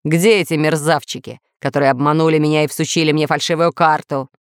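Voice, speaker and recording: Brief: bossy storybook villain lord, low and slow, read by a woman, dry close sound. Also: fairly even intonation, no room sound, close to an everyday voice. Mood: scheming. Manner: gruff, blustering, shouting threats. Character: menacing male villain island ruler, bossy.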